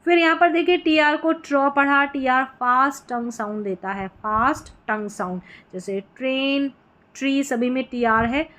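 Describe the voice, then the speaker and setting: A woman teaching English spelling sounds in a phonics lesson, patiently repeating each word and checking with quick questions. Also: high voice, fairly bright tone.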